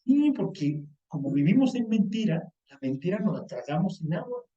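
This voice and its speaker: A man with a Mexican accent preaching a sermon in a colloquial, animated way, acting out the quoted lines. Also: high voice, normal speed. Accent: Mexican Spanish. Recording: echoey, distant, dull lo-fi sound.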